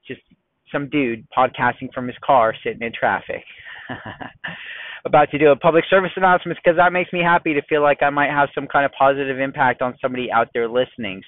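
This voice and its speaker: A man hosting a casual solo podcast from his car in traffic, chatty and quickly worked up, firing off rhetorical questions. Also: medium pitch, dry recording. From United States. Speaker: podcast host. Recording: tinny phone-like dry sound.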